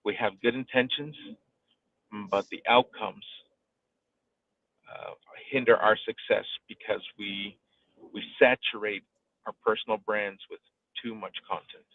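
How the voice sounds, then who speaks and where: Hosting an audio discussion in a live online audio room, a man coaches conversationally, stressing his points and repeating phrases for emphasis. His lowish voice has fairly even intonation and a measured pace with frequent pauses; there's no echo, though the call audio is tinny and phone-like.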